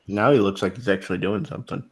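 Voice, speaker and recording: A man's voice: lowish voice, quick pace, a loud crowd. A man making wry jokes during a casual livestream group call.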